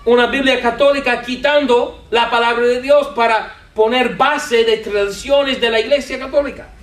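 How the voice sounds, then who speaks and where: A man preaching a sermon to a congregation, animated, repeating words and asking them questions. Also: very high voice, normal speed, roomy sound. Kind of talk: sermon teaching. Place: church with a congregation.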